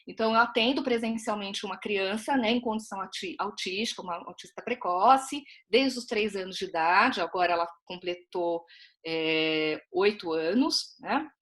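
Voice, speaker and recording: A woman's voice: medium pitch, moderate pace, fairly bright tone. A woman with a Brazilian accent, a clinician, talking on an online meeting with many fillers and tag questions. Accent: Brazilian Portuguese. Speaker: clinician from a therapy team. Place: home, video call.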